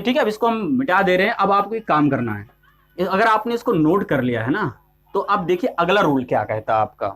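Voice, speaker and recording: A male English teacher giving a classroom-style grammar lesson, asking questions and answering them himself, and checking often that students follow. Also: sits high. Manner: repeats "ठीक है?" to check on students.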